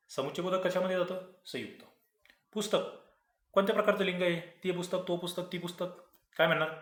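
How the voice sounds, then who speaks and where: A man's voice: high-pitched, echoey room. A man, teaching grammar and explaining quiz answers, asking the class rhetorical questions. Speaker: exam-prep grammar teacher.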